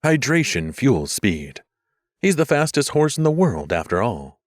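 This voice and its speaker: A man's voice: medium pitch, very animated, unhurried, no room sound, pitched above the performer's own voice. A man doing a cocky, smirking young traveler. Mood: boastful. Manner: smirking and boastful.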